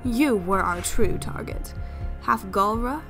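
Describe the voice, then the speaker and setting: A woman voicing a cold, cruel, ancient witch queen in a fan comic dub, slow and menacing. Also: medium pitch, over music. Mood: gloating.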